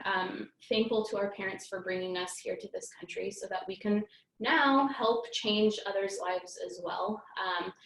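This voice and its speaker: A woman's voice: medium pitch, echoey room, rough recording. A woman immigration attorney presenting slides in a live webinar, talking hesitantly with many filler ums and restarts. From United States (born in Iraq, raised in the US from age four).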